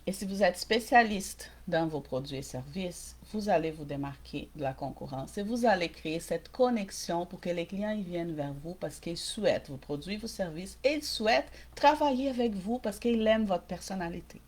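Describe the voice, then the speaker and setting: A woman's voice: lowish voice, expressive, normal speed, few pauses, darkish tone. Female coach with a mixed Québécois-Brazilian accent, live-stream workshop host, direct with viewers and checking in often. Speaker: small-business coach.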